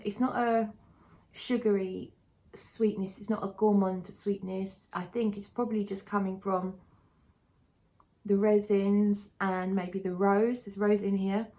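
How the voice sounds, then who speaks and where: A woman speaks at a medium pitch in a casual vlog style. Her speech has a lisp, with whistling s sounds from a dental brace. She rambles a little and corrects herself as she reviews. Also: little pitch movement, measured pace, darkish tone. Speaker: perfume reviewer. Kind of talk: casual chat to camera.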